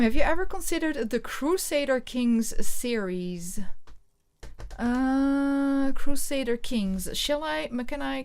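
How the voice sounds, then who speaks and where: Dutch-accented woman, game streamer, slightly high voice, relaxed chat, lots of fillers. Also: vocal fry. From Netherlands. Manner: relaxed, chatty, thinking aloud with many fillers. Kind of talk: casual game stream chat and reading aloud.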